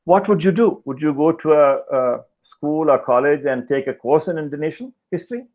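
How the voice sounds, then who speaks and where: Older man, keynote lecture, measured and deliberate, headset on video call, slightly muffled audio. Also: on the high side, expressive. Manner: measured, deliberate, pauses with fillers. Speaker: keynote speaker. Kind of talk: lecture over slides.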